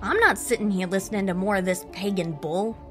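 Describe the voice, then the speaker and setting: A woman's voice: medium pitch, a little fast, faint music behind, lightly acted. A woman voicing a cursing, defiant soldier. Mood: scornful. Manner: scornful, shouting, swearing. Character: angry defiant male WWI soldier, cursing.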